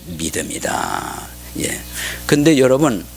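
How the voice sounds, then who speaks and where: A male pastor with a lowish, creaky voice that swoops wildly in pitch delivers a sermon, posing questions to the congregation and answering them himself. Scripture comes out raised and slowed, and he drops to a whisper for emphasis. Faint music plays behind him.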